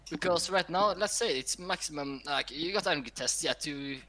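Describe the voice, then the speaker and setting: A man on a gaming talk show panel, giving his opinions in loose, casual chat with some drawn-out phrasing. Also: a little high, sharp tone.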